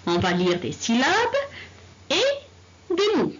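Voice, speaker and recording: A woman's voice: high-pitched, huge pitch swings, lo-fi sound, a little hiss or hum. A woman teacher leading a reading lesson for young children, drawing out syllables and words for them to repeat. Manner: slow, drawn-out, repeating syllables for children to echo. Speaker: primary school teacher.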